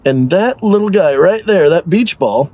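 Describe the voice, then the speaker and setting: A man's voice: high voice, animated, a little slow, a little mellow. A man casually narrating a driving tour as a real estate guide, chatty and self-deprecating, with joking asides. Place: inside a moving car. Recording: car road noise behind.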